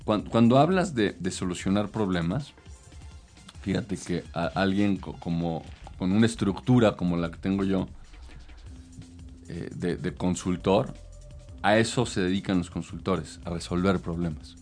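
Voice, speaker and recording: Low-voiced consultant explaining business. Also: male voice, measured pace, a little mellow, soft background music. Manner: explanatory, hesitant with many fillers. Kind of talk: casual chat.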